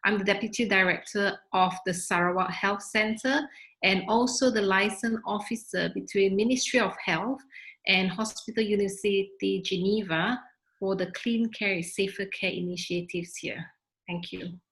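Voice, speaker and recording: A woman's voice: mid-range voice, steady tone, moderate pace, fairly bright tone. A woman from Malaysia, a health official, formally introducing herself on a video call. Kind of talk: self-introduction.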